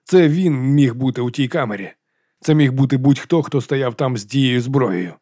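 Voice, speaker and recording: A man narrating an audiobook in steady, measured scripted storytelling. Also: medium pitch, husky, no echo, studio quality.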